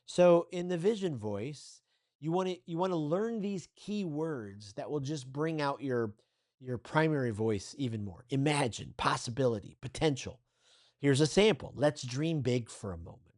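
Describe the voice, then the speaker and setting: A man's voice: a little high, animated, moderate pace, a little mellow. A man teaching a recorded training lesson as a communication coach, speaking straight to the viewer in an upbeat, encouraging and loosely conversational way. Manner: loose and conversational, with fillers and restarts. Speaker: communication coach, course instructor.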